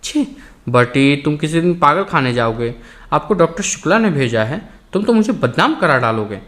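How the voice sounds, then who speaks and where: A man voicing a brisk, sharp-tongued young Anglo-Indian woman in an audiobook. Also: a little high, very animated. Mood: scolding. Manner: scolding, brisk.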